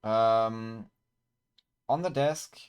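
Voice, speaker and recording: Narrating slowly as a tabletop game master, a man describes the scenes while groping for words, filling gaps and restarting often. His voice is lowish and clean in tone.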